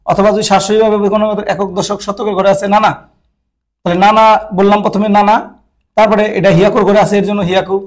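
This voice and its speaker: A man's voice: high voice, little pitch movement, fast talker. A man teaching a language lesson, speaking patiently and repeating each term, often checking that students follow. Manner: patient, repeats terms and checks "ঠিক আছে?".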